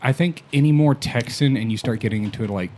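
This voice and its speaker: A podcast guest recording in Canada chats casually, telling laid-back stories, swearing now and then and chuckling often. He talks fast, with a mid-range voice and a dark tone.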